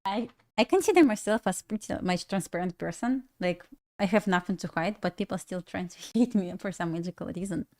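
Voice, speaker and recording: Speaking with a Russian accent as a native Russian speaker, a young Belarusian woman hosts a relaxed trading stream, chatting with her audience amid frequent laughter and stop-start phrasing. Her pitch is medium and her tone a bit mellow.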